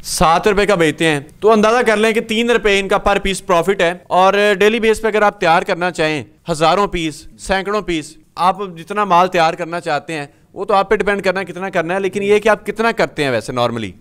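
A man's voice: high voice, fairly quick, hardly any pauses, fairly bright tone, clear, resonant tone. A man in his thirties from Pakistan, hosting a business interview and explaining machines step by step, recorded on a handheld mic in a small indoor workshop. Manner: explanatory, walks through machines. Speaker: host.

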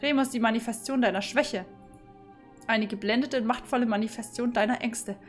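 A woman voicing a sinister, cold and calculating old male doctor, read in a calm, measured way. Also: fairly high pitch, faint music behind, close to an everyday voice. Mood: menacing.

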